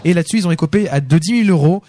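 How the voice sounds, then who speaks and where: A man's voice: high-pitched, racing, dark tone. A man hosting a casual live tech news show, reading items and joking with his co-hosts.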